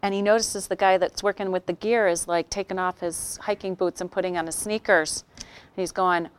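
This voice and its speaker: A woman giving a workshop talk to an audience, telling stories with animated acted-out quotes. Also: on the low side, normal speed, clean tone. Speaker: workshop speaker.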